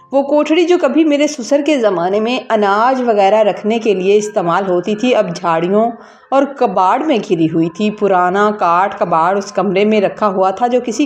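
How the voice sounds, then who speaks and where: With a mid-range, darkish voice, a woman storyteller reads a scripted first-person story in an earnest, emotive and dramatic way. Background music plays beneath her voice.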